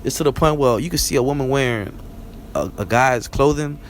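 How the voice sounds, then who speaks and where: Speaking a little fast in a mid-range voice, this vlog host is a young man with a Barbadian accent. He gives a casual, wandering solo monologue peppered with "you know what I'm saying?", and there's slight noise in the background.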